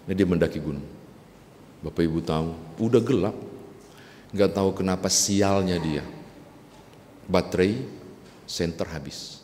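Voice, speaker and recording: A man's voice: low-pitched, unhurried, long pauses, darkish tone. A male pastor preaching a sermon in a conversational storytelling way, addressing the congregation directly. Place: church sanctuary. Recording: reverberant church with faint hiss.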